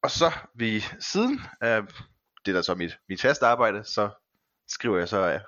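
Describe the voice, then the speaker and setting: A man with a bright, forward voice on the low side talks casually as a podcast guest. He phrases things thoughtfully and a little hesitantly, in a very dry sound. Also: big pitch swings, dry recording, lo-fi sound. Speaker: podcast guest, film and series reviewer. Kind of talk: casual conversational interview.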